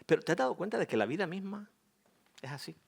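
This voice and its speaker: A middle-aged pastor with a Spanish accent from Spain delivers a sermon in a loose, joking, conversational way. His fairly high voice swoops up and down with lively pitch. He keeps the tone animated throughout. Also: fast, vocal fry.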